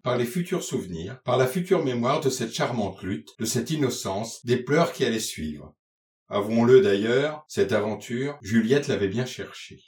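A man narrating a literary novel aloud in a measured, expressive reading style. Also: medium pitch. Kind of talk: audiobook reading of literary prose. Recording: roomy echo.

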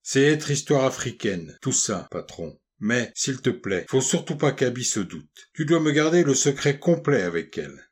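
A man's voice: medium pitch, sing-song, moderate pace, hardly any pauses, slightly rough. A man reading the part of a young, guarded African housemaid who talks in short, clipped phrases. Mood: sullen, guarded. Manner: curt, clipped colloquial phrasing.

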